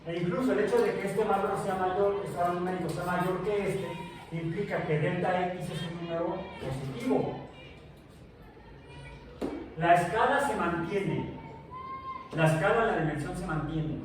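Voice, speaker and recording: Captured at a distance in a noisy, echoing classroom, a male physics teacher works through his lecture one step at a time, restarting and checking as he goes. He speaks high and at a moderate pace, leaving long pauses.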